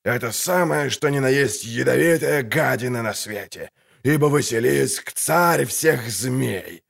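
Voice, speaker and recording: Man doing a gravelly, loud fairground huckster. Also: mid-range voice, animated, a little slow, pitched above the performer's own voice, exaggerated voice. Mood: hawking. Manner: barking, folksy huckster patter. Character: boastful pockmarked male fairground showman, crude and loud. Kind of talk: audiobook character voice.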